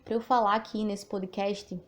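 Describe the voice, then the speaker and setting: At a moderate pace and a level tone, a mid-range woman's voice carries a Sergipe accent from Northeast Brazil. She hosts a podcast and writes, and here she's slightly nervous, chatting in a casual, reflective way and reading aloud a piece she wrote.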